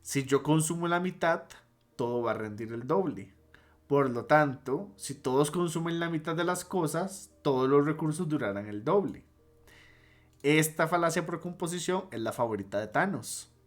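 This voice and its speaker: A man's voice: a little high, lively intonation, moderate pace. A man teaching logic in a casual online lecture, explaining step by step and stopping to restate and correct himself.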